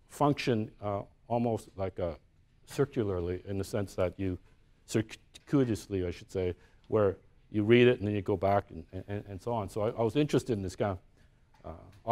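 A man's voice: on the low side, normal speed, a little mellow. A man giving a live lecture about his own artworks in a university room, talking conversationally, thinking aloud and often checking in with "right?". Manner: thinks aloud with frequent restarts.

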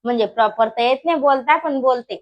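High-voiced young mother chatting while cooking. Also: a little fast, muffled recording. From Maharashtra. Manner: coaxing and scolding small children while cooking, softer asides to viewers. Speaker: vlogger and mother. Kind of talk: casual cooking vlog chat.

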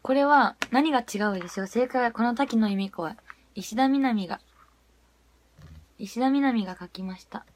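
A young woman chatting casually on a livestream, giggly, swinging between murmured asides and excited squeals. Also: fairly high pitch, moderate pace, slight background noise. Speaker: idol livestreamer.

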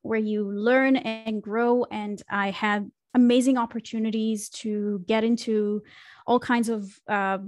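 A podcast guest from Israel, a woman working as a marketing consultant, reflects on her career path with fillers and restarts during a casual interview conversation. Her voice sits a little high, with fairly even intonation and a measured pace. She uses a studio microphone on a video call from a small home room, and no room sound comes through.

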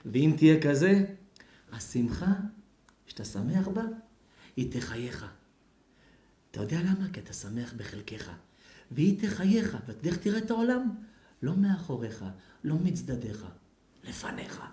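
A rabbi preaches to his congregation in a high, lively voice that leaps across its range. He is dramatic, swinging between loud outbursts and near-whispers. The sermon is recorded in an echoey community hall. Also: pauses often.

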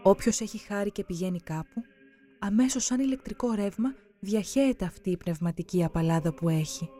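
A narrator giving a solemn, measured scripted reading for a religious documentary. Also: mid-range voice, expressive, dark tone, faint music behind.

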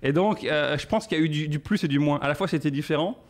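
A man in his thirties from France with a French accent, a comedian answering questions on a podcast with animated storytelling. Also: fairly high pitch, fast talker. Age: 30s. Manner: animated storytelling with quoted asides. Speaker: guest comedian.

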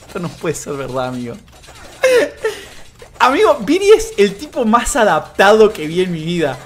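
Lively Argentine game caster, man. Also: sits high, moderate pace. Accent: Argentine Spanish. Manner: excitable, swings between calm play-by-play and shouted disbelief; swears casually. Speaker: streamer and caster. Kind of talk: live game commentary.

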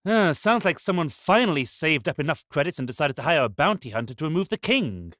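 A man's voice: on the high side, sing-song, a little slow, a bit bright, no room sound. Field: a grumpy frog man. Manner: gruff and dry. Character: grumpy reclusive frog man bounty hunter. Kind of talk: full-cast audio drama.

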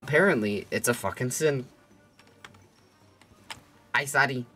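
A young male streamer talks casually while he plays, joking and swearing freely. His voice sits in an ordinary middle range. Soft game music plays quietly under him. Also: mid-range voice, unhurried. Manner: joking, profane, talks to chat and friends. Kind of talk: casual gaming livestream chat.

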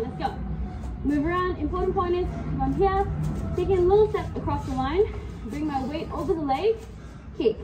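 With lo-fi sound from a far camera in a faintly noisy home workout room, an instructor with an extremely high pitch coaches a live kickboxing class. She's sniffly from a cold, counting time and giving brisk commands and cues.

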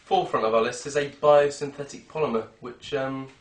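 A young man playing an earnest doctor in a news spoof, hesitant and deadpan. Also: medium pitch, a little fast, close to an everyday voice. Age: young adult. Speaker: doctor being interviewed. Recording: echoey, distant mic, noisy.

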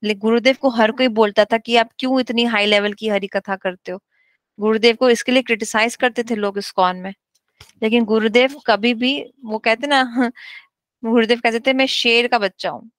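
A woman giving a devotional class, reading slowly in English and explaining quickly in Hindi. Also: on the high side, fairly even intonation, dry recording. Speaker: spiritual teacher.

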